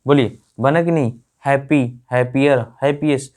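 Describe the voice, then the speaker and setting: A man's voice: mid-range voice, steady tone, normal speed, darkish tone. A man with an Indian accent teaching an English grammar lesson. He keeps checking that his listeners follow, repeats key words and answers his own questions, and stretches out the English examples.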